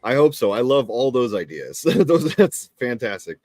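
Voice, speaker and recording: A man's voice: mid-range voice, very animated, moderate pace, a little mellow, no echo, studio quality. A man co-hosting a comics talk show in casual chat, enthusiastic and rambling as he searches for words.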